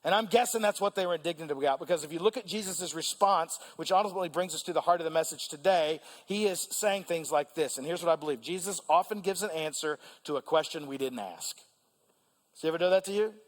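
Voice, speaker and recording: Male preacher with a high-pitched voice, lively, prompts the congregation, recorded in a big echoing church. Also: brisk. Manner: animated, asks the congregation questions. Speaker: pastor. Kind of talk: sermon. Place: large church hall. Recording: long church reverb.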